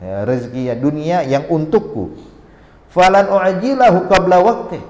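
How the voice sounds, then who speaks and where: A man's voice: a little high, a little mellow. A man with an Indonesian accent giving an Islamic sermon. He tells a story and acts out its dialogue, and he quotes Arabic as he goes. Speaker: preacher. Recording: echoey hall.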